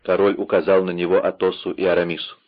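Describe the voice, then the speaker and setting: A man narrating an adventure novel aloud in a dramatic, lively reading style, on a slightly dull recording. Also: sits low, fast talker. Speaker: audiobook narrator. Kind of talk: scripted narration.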